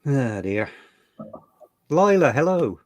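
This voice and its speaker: Reminiscing on a livestream he co-hosts, an older English man is chatty and emotional, with some mild swearing. His medium-pitched, darkish voice takes things slowly and swings widely in pitch. There's no room sound.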